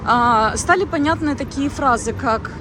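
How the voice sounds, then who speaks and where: A woman in her thirties, her voice sitting high and her pace measured, strolls a city street for a casual vlog. Traffic hums behind her as she thinks out loud, rambling with fillers and restarts.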